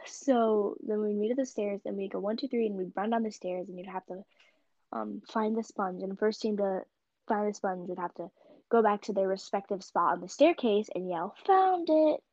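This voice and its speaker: A teenage girl chatting with a friend, launching into animated stories. Her voice sits in a middle register and comes through a dull, lo-fi mic. The sound is dry and close, with no room around it. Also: medium pitch, moderate pace, no room sound. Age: teens. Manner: animated storytelling with gasps. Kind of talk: casual chat.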